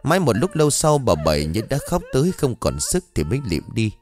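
A man narrating a ghost story in an expressive, dramatic storytelling manner. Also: mid-range voice, brisk, soft background music.

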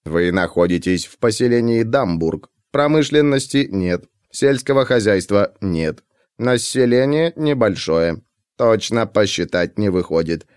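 A man voicing a rickety patchwork robot with a metallic, grating voice and flat, mechanical delivery. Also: lowish voice, clear, resonant tone, no echo, clean studio sound. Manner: slow, flat, mechanical repetition. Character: rickety patchwork robot automaton, male, mournful. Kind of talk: audiobook character voice.

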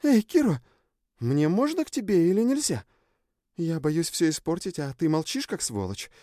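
A man doing a shrill, furious spirit girl. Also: sing-song, normal speed, no echo, clean studio sound. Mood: annoyed. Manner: shrill, yelling, insulting. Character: furious young female spirit in the hero's head.

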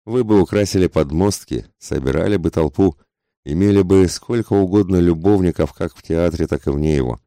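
Man as a cold, cutting aristocrat in an audiobook, very deep and dark. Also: fairly quick, dry recording, studio quality. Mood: cold mocking.

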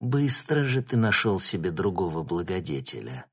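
A man's voice: sits low, big pitch swings, breathy edge, exaggerated voice. A man voicing a cold, imperious female crime leader in an audiobook. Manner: cold and measured.

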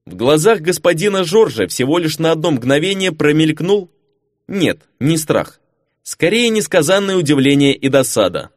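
A man narrating a fantasy audiobook with an expressive reading. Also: fairly high pitch, normal speed, no echo, studio quality.

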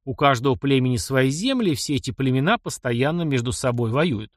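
A man's voice: mid-range voice, animated, a little fast, no echo, studio quality, lightly acted. A man voicing a practical young mechanic in an audiobook, blunt, wry and stubborn. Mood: firm. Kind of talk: audiobook character reading.

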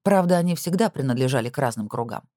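A man's voice: medium pitch, animated, fast talker, dark tone, no room sound. Man narrating a thriller audiobook, dry. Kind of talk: scripted narration.

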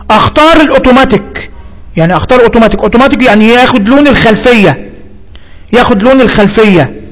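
A man's voice: high voice, low-quality recording. A man with an Egyptian accent teaching a computer lesson, thinking aloud and repeating himself as he explains each term. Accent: Egyptian Arabic. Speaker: computer instructor. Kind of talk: screen-reader software tutorial.

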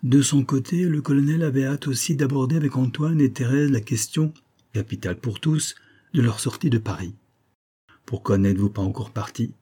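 A man narrating a classic novel as an audiobook in a measured storytelling manner. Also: mid-range voice, dark tone, husky. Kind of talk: audiobook reading.

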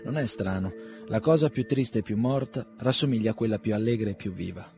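A man reading a classic novel aloud in a measured, even narrating voice. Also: fairly low pitch, music in the background. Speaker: audiobook reader. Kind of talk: literary audiobook reading.

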